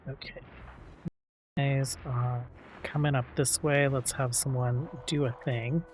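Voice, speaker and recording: A man hosting a let's play, calmly thinking aloud with frequent fillers as he plays a strategy game. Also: mid-range voice, slow pace, noisy background. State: hiccups. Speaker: gaming channel host.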